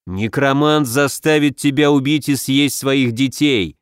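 A man voicing a stern heroic warrior who speaks in a low, firm, weighty way in an audiobook. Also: measured pace, clean tone, no echo, clean studio sound, lightly acted. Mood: grave firm. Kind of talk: audiobook narration.

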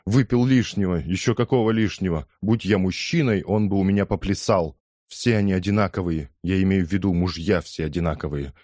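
A man's voice: sits low, fairly quick, darkish tone, no room sound, studio quality, natural voice. A man voicing an indignant older woman who scolds and rambles in an audiobook. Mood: outraged. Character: indignant older woman, loud gossiping mother. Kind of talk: audiobook character voice.

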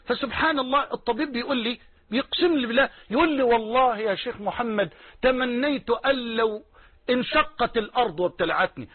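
High-voiced Egyptian preacher, impassioned. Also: male voice, narrow, tinny audio. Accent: Egyptian Arabic. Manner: impassioned, repeats phrases for emphasis, swears oaths. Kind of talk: sermon.

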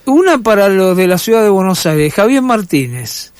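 A man's voice: sits high, sing-song, moderate pace, clear, resonant tone, dry recording. A middle-aged man with a Rioplatense accent, hosting a casual radio chat and talking reflectively with many hesitations. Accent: Rioplatense Spanish. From Argentina. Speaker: radio host. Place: radio studio.

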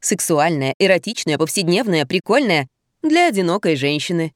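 A woman voicing a patronizing young female shop consultant in an audiobook, using brisk sales patter. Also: fairly low pitch, very animated, no echo, studio quality.

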